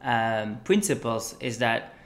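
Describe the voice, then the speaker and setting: A man's voice: mid-range voice, takes it slowly. A young man from Belgium, a consultant being interviewed, who talks casually with many ums and uhs. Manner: relaxed, with frequent ums and uhs. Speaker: guest, management consultant.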